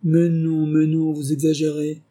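A man reading aloud, voicing a sly, confident male English detective in a lively, ironic manner. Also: normal speed, breathy edge. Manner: higher, lively, ironic delivery.

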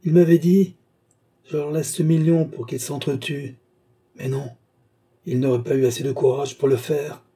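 A man reading aloud, voicing a frenzied noblewoman who confesses to murders in a hushed, raving voice. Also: mid-range voice, flat delivery, normal speed, breathy edge, lightly acted. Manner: feverish, raving, hushed then rising.

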